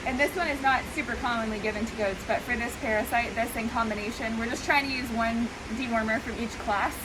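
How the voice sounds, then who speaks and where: A woman explaining animal treatment casually and informally, her voice slightly muffled by a face mask. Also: on the high side. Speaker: veterinary professional treating goats. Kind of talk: casual explanatory talk to camera. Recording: noisy, steady rushing background hiss.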